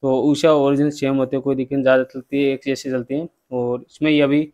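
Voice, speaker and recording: A man's voice: mid-range voice, little pitch movement, quick pace, darkish tone, highs cut off. A man, working as a bike mechanic, giving a step-by-step workshop repair tutorial and addressing viewers as friends.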